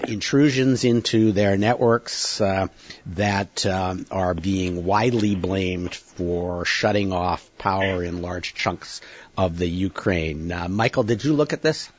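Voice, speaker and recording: Low-voiced man hosting a podcast. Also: dull audio, a little hiss or hum. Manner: halting, many uh fillers. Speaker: podcast host. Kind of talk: casual podcast chat.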